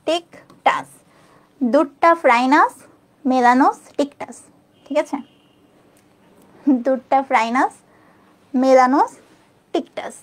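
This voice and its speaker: A young adult woman with a high, light voice teaches an online exam-prep biology class. She patiently breaks scientific names into syllables, spells them letter by letter, and repeats them slowly. She keeps checking whether students are following, often asking "okay?"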